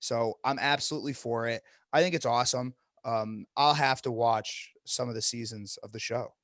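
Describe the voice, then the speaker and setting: A young man co-hosting a casual podcast, speaking in a blunt, profane, joking way. His voice sits at an ordinary middle pitch. The recording is dry and close, with no room echo. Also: steady tone, moderate pace, fairly bright tone. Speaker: podcast co-host.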